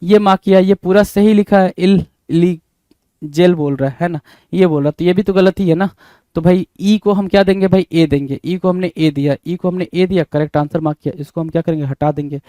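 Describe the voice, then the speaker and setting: A man's voice: high voice, brisk, dark tone, no echo. A man teaching English spelling in Hindi, spelling words letter by letter and repeatedly asking the listener what the answer is. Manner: repeats questions to the listener, often adding "bhai".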